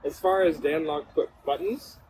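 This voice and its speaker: A man's voice: fairly high pitch, normal speed. A man hosting a casual podcast, joking and bantering, often chiming in with short agreements. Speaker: podcast host. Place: seated in an ice bath at a retreat. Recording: clearly noisy ambient background.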